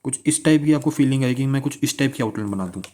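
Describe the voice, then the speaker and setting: A man's voice: medium pitch, fast, mellow. A man teaching shorthand strokes, repeating key words and asking listeners to pronounce along. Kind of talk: classroom-style tutorial.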